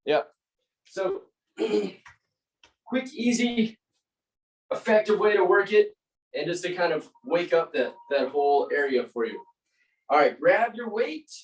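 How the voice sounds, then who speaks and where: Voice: mid-range voice, animated, slow, pauses often. Aerobics instructor coaching in an echoey room. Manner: aerobics instructor cueing, short encouraging commands and counts. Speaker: aerobics and fitness class instructor. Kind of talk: live group workout coaching with counted reps. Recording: roomy echo, distant mic.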